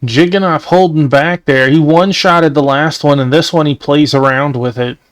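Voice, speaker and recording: Brief: upbeat let's-play host, slightly high male voice, chatty, reads subtitles aloud. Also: fairly even intonation, moderate pace, dry recording. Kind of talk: casual gameplay commentary. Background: game music.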